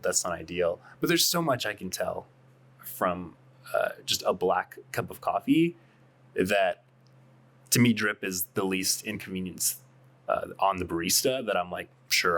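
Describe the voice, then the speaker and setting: A man's voice: low voice, a bit bright. A man, a coffee shop co-owner, talking casually as a podcast guest and working through his reasoning with fillers.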